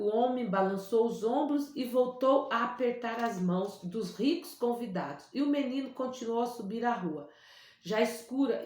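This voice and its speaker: A woman reads a children's Bible story aloud in a gentle, expressive way. Her voice sits a little high for a woman. The recording is very echoey, with the room ringing around her.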